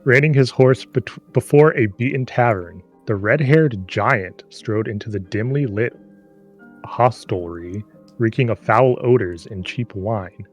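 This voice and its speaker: A man with a fairly low voice reads a book aloud on a live stream, breaking off often for dry, profane jokes. His reading is halting and wry, with quiet music playing faintly behind him. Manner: sarcastic, swears, stumbles and reads haltingly. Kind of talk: comic read-aloud with running commentary.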